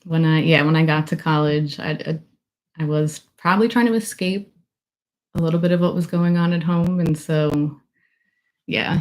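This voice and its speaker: A woman's voice: sits low, a little mellow, rough recording. A young woman talking casually on a livestream at her book launch, emotional and gushing, rambling with many fillers. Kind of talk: casual livestream thank-yous.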